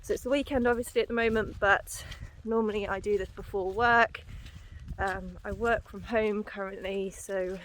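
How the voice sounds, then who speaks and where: A horse owner vlogs casually while walking outdoors across paddocks and hilly, boggy ground, out of breath and puffing as she talks. Her mid-range voice is steady and fairly bright, at normal speed. The recording is rough, with slight background noise.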